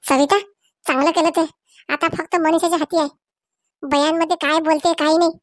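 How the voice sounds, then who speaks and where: High-pitched woman in rustic comic skit. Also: level tone, a little fast, no room sound, studio quality. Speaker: comedy sketch performer. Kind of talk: comic village skit acting.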